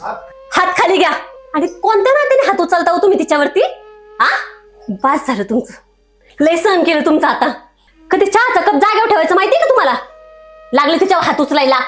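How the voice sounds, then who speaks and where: An actress playing a mother who stammers timidly and then speaks out in sharp reproach. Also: high voice, normal speed, faint music behind, natural voice. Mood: defiant. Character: timid mother turning defiant. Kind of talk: short drama acting.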